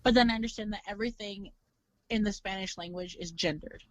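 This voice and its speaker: A young woman from California chats as a podcast guest, lively and talkative, leaning on plenty of fillers. Her voice sits at an ordinary middle pitch. The sound is dry and close, with no room echo. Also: a little fast, muffled recording. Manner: animated, chatty, filler-heavy. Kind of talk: casual chat.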